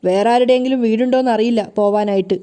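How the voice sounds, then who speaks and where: A woman's voice: fairly high pitch, fairly even intonation, quick pace, warm tone, clear, resonant tone, lightly acted. A woman voicing a sad, bitter middle-aged mother.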